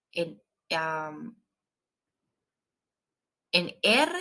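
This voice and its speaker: A woman with a bright, clear voice teaches an English grammar lesson. She speaks patiently and repeats her points often, checking in with her listeners after each rule. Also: mid-range voice. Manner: patient, repetitive, stresses warnings with frequent "¿sí?" check-ins.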